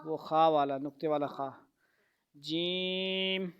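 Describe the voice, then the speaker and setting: A man teaching a Quran reading lesson in a classroom, patiently calling out letter sounds loudly and explaining how each one is made. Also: fairly high pitch, little pitch movement, muffled recording, background noise. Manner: patient, repeats letters loudly for students to echo.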